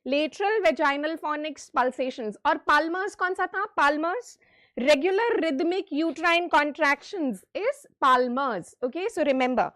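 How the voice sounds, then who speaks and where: A woman's voice: high voice, moderate pace, a bit bright, no room sound, studio quality. A woman with a North Indian accent lecturing interactively, emphatic and often checking in with questions as she quizzes students for an exam. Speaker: medical lecturer leading exam revision session.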